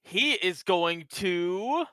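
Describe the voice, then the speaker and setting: Slow, bright-voiced player. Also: mid-range voice, animated, dry recording. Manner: narrates character actions. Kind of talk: casual tabletop game chat.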